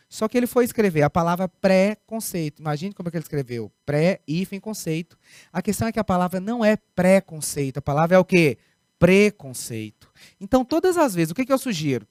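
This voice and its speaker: A man's voice: fairly high pitch, dry recording, clean studio sound. A man with a Brazilian Portuguese accent teaching grammar in a recorded video lesson, emphatic, repeating key words and asking rhetorical questions.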